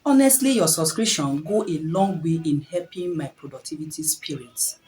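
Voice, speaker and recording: Woman, earnest parenting advice, rhetorical questions, slightly low voice. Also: moderate pace, darkish tone, faint music behind, low-quality recording. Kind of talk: preachy advice talk to camera.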